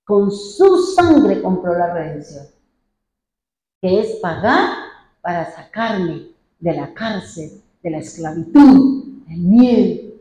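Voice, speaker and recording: A woman's voice: mid-range voice, mellow, reverberant, low-quality recording. A middle-aged woman pastor preaching a fervent sermon, stretching out key phrases and calling to her listeners as brothers.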